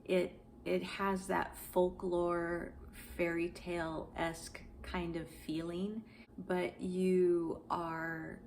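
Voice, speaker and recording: A woman reviews books in a relaxed vlog, speaking slowly and with care. Her low voice carries a gravelly fry. She sounds earnest and talks her thoughts through as she goes. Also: a little hiss or hum. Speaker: book reviewer. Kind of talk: casual book review vlog.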